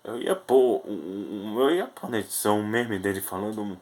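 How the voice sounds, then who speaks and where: A man's voice: fairly low pitch, fairly quick, darkish tone, poor audio. A man with a Brazilian Portuguese accent giving a rambling, hesitant spoken film review, full of restarts.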